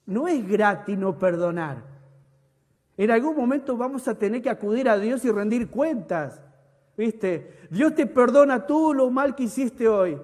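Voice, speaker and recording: High-voiced preaching man. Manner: reads scripture aloud with emphasis, then drops to soft, intimate asides. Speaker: pastor. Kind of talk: sermon. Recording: long hall reverb.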